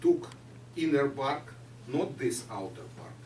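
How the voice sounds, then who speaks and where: A man's voice: mid-range voice, very animated, takes it slowly, darkish tone. A man with a Ukrainian accent, a guest lecturer answering audience questions with non-native phrasing and patient explanations. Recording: echoey room, far mic, noisy.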